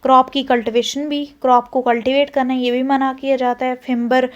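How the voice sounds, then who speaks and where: A woman's voice: high voice, little pitch movement, normal speed, dull audio. A woman with an Indian accent teaching a zoology lesson, mixing Hindi and English terms with frequent restarts. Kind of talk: explaining a lesson.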